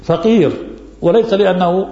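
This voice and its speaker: A man's voice: high voice, normal speed, warm tone. A man, an Islamic scholar, answering religious questions in a lesson and repeating key phrases for emphasis. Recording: echoey, dull lo-fi recording.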